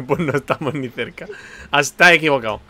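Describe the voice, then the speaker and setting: A man from chatting with friends while playing a game, animated and teasing, with sudden exclamations. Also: a little high, moderate pace. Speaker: lets-play host. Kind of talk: casual game chat.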